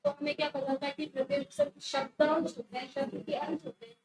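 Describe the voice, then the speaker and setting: A woman's voice: high voice, big pitch swings, a little fast, loud music behind the voice. A woman teacher going over exam questions with her students, firmly correcting mistakes and repeating key words. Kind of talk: exam prep lesson going over a test. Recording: echoey room with faint noise.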